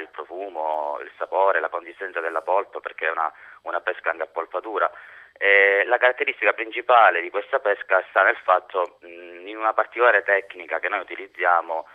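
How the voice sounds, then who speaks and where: A man's voice: deep voice, a little fast, narrow, tinny audio. A young man, methodically explaining things as a guest in a radio interview. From Sicily, Italy. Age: young adult.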